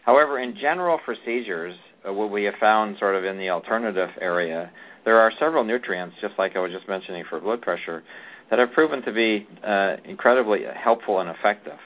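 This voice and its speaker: A man's voice: lowish voice, a little fast. A man who is a physician, giving rambling advice to a caller on a call-in radio show, often restarting his sentences. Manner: rambling, with frequent restarts and fillers. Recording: tinny phone-like radio audio.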